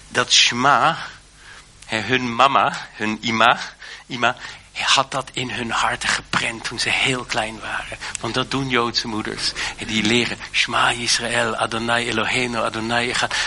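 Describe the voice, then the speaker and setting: Male preacher, earnest and halting, very bright tone. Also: medium pitch. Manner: earnest, hesitant with many fillers and restarts. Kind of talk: sermon.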